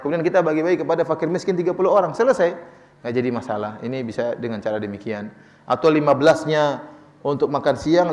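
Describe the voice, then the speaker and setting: A man preaching and answering audience questions in a lively manner, acting out quoted dialogue with light chuckles. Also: medium pitch, big-room sound. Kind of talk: sermon Q&A.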